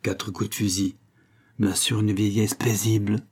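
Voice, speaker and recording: A man reading a storybook, voicing a frail, odd little older man who talks dreamily and then bursts into feverish excitement. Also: fairly low pitch, a little slow, husky. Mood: earnest, fervent. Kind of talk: audiobook character voice.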